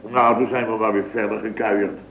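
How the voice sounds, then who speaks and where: Crowd noise can be heard as a man with a lowish, creaky voice briskly recounts a meandering hunting story with flat, dry, mock-pompous delivery. It's a scripted radio comedy sketch, and he plays the comic storyteller. The old broadcast is tinny, hissy and roomy.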